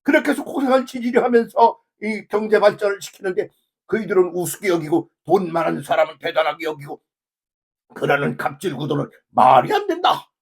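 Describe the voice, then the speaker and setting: A man's voice: high voice, very animated, fairly quick, creaky, breathy edge. An older man preaching a folksy, rambling sermon as a pastor, full of rhetorical asides. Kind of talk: conversational sermon.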